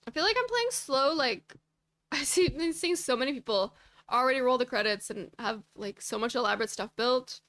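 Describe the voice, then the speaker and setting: A woman livestreaming a game talks in a loose, rambling way, answering her chat between moves. Her voice sits fairly high. The sound is dry and close, with no room echo. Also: animated, normal speed, a bit bright. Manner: chatty, reacts to viewer chat, rambling asides. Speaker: streamer. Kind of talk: casual livestream chat while playing.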